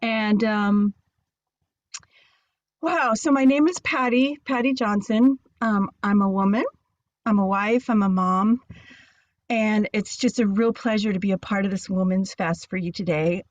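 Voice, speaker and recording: A woman giving a casual talk over a video call from inside a camper van, nervous and halting with many fillers. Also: medium pitch, no room sound. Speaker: guest speaker. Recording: dull dry video call audio.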